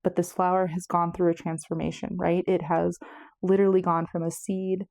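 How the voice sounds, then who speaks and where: A woman's voice: lowish voice, little pitch movement, normal speed, vocal fry, darkish tone, no room sound, clean studio sound. A woman giving a casual pick-a-card tarot reading, chatty and meandering, a little out of breath. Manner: chatty, meandering, self-correcting. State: slightly out of breath. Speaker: tarot reader.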